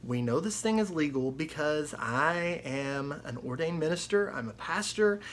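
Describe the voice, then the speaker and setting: A man's voice: fairly high pitch, animated, normal speed, a little hiss or hum. Understated man playing the straight man. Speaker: pastor and ventriloquist. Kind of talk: conversational straight man in a comedy routine. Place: small furnished room indoors.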